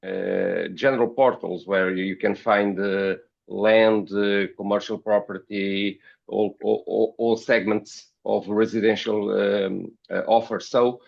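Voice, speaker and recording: A company founder with a Portuguese accent answers as a podcast interview guest, speaking slowly, hesitating and repeating words. His voice is gravelly and lowish with a steady tone, and the recording sounds dull and lo-fi.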